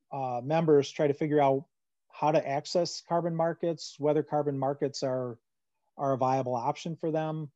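Man, webinar answers, mellow, dull lo-fi video call audio. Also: a little high, dry recording. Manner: conversational, many fillers and restarts. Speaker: farm finance presenter. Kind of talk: answering audience questions in a webinar. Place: home room on a video call. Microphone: computer microphone on a video call.

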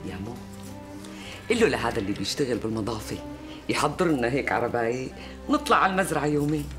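Brief: middle-aged Damascene housewife, lively, quick, fond but sharp-tongued, period series with score underneath. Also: female voice, rumbling low, music in the background. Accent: Damascene Arabic. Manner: scolding, scheming, hushed asides. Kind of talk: TV period drama acting.

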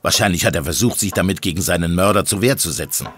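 An actor playing a dutiful, harried police inspector in a German radio play, reporting in a matter-of-fact way. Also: male voice, deep voice, fast talker, fairly bright tone.

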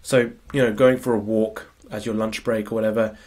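A fairly low, darkish male voice moves a little fast with little pitch variation. The speaker, a productivity coach sniffling through a cold, gives an informal screen-share lecture with slides and keeps asking "right?".

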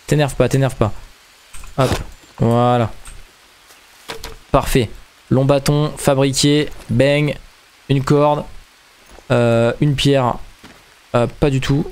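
A young man hosting a video game playthrough in casual commentary, excitable and stumbling over his words. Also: mid-range voice, extremely slow, long pauses, clear, resonant tone. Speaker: gaming video host. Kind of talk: casual let's-play commentary.

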